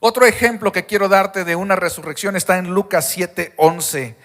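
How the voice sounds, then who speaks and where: A man with a high voice preaches an Easter Sunday sermon, speaking emphatically and asking the congregation questions. He is recorded at a live church service, and his voice rings with the long reverb of the hall. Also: fairly even intonation, normal speed, a bit bright. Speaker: pastor.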